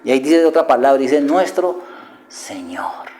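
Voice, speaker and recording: A man's voice: a little high, normal speed, darkish tone, poor audio. A middle-aged man preaching with passion, posing rhetorical questions and dropping from a raised voice to a near-whisper. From Colombia. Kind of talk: sermon.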